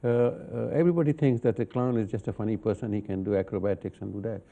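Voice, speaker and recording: A man's voice: lowish voice, fast talker, creaky. A man hosting a talk show, asking questions with stammering restarts and frequent murmured agreement. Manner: stammering restarts, steady backchanneling. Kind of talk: conversational interview.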